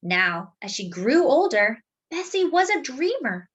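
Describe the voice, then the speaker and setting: A woman with a high, husky voice reads a children's book as a storyteller, narrating with expression, careful phrasing, and drawn-out words for emphasis. The audio sounds dull.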